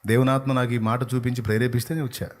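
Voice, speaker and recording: Pastor, man, fiery sermon delivery, big swings between loud and hushed. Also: little pitch movement, very fast. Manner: passionate, swings from shouting to low intensity; speaks in God's voice, rhetorical questions to listener.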